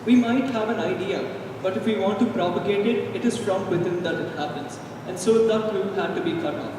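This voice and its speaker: A man's voice: high voice, brisk, background noise. A young man from India, speaking as a student presenter and earnestly explaining his team's ideas. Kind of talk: school team presentation. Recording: echoey hall, voice from far off.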